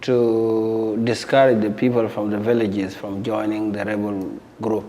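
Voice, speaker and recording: Young man, low register, measured testimony in a reverberant space. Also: flat delivery, warm tone, slight background noise. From South Sudan. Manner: measured, plain-spoken, often pauses and repeats words. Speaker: interviewee. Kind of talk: recounting his life story. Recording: long hall reverb.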